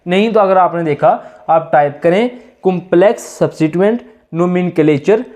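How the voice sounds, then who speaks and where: A man's voice: high-pitched, normal speed, darkish tone. A man teaching chemistry in a classroom-style lecture with a sore throat, asking students questions and answering them himself in repeated call-and-response.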